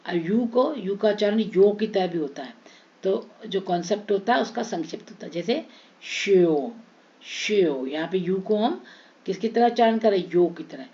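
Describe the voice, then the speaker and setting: A woman's voice: medium pitch, normal speed, mellow. A woman with an Indian accent teaching English pronunciation, repeating each word and addressing her students as children. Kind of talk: pronunciation lesson. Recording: muffled lo-fi recording.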